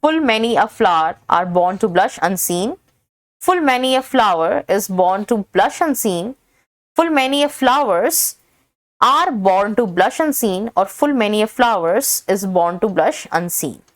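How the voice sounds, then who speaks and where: A woman's voice: medium pitch, measured pace. Woman reading quiz answers. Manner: steady reading of options, stressing the correct answer. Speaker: teacher. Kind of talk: reading out exam practice questions.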